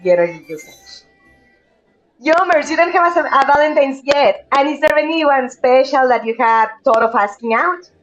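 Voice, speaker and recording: A chatty game streamer from Mexico, whose first language is Spanish, greets viewers by name and reads game text aloud during casual gameplay chat. Her high, expressive voice moves at a moderate pace, with dull audio and faint music behind her.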